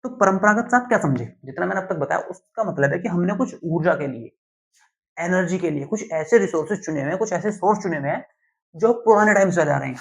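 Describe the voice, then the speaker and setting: A young man, teaching a class lesson slowly and deliberately, often checking in with his students. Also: high voice, lively intonation, gravelly. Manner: slow, deliberate explaining with frequent "theek hai" check-ins. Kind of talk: classroom lecture. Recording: dull lo-fi sound.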